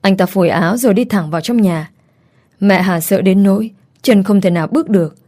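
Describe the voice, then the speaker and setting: A woman reading a first-person story in steady, unhurried narration. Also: mid-range voice.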